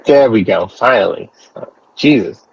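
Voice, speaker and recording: A man's voice: lowish voice, expressive, unhurried, gravelly, husky. A man co-hosting a casual wrestling chat, laid-back and profane, heard through a thin, distant-sounding headset phone line. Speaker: podcast co-host. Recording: dull lo-fi phone-line audio.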